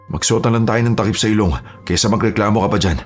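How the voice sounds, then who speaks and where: A steady aswang hunter in a horror audio drama, played by a man, firm and reassuring. His voice is low and breathy-husky, and he talks fast. Faint music plays behind. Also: close to an everyday voice. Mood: calm.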